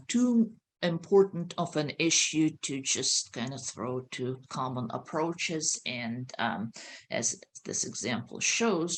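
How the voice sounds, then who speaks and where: A woman with a very low voice talks slowly and earnestly. She fills her sentences with ums and uhs as she explains. Her voice comes over a video call. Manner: hesitant, many fillers, earnest. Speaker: host.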